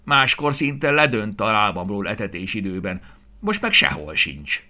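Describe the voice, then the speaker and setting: A man voicing a fussy, short-sighted old grandmother who calls out and grumbles in a high voice. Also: big pitch swings, full character voice. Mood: calling. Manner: high calling shouts, scolding.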